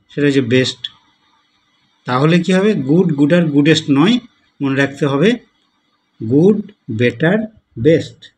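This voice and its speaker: A man teaching a grammar lesson at an unhurried, deliberate pace. His voice sits a little high for a man, and he spells words letter by letter and repeats each form patiently. He checks in with the class through questions as he goes. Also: warm tone, low-quality recording. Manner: asks the class questions to guide them. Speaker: English grammar tutor. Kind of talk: slow explanatory lesson.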